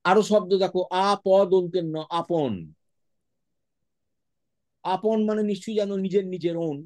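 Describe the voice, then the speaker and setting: A man's voice: high voice, normal speed, a little mellow, no echo. A man with a Bengali accent teaching an online class, patiently spelling words out letter by letter and mixing English into his speech.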